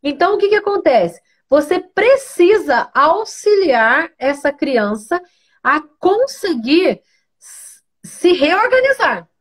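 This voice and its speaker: Woman, high voice, pedagogue, live-stream interview, explanatory, "né" tags. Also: very animated, slow pace. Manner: explanatory, tags sentences with a questioning "né", greets viewers by name. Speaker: pedagogue guest.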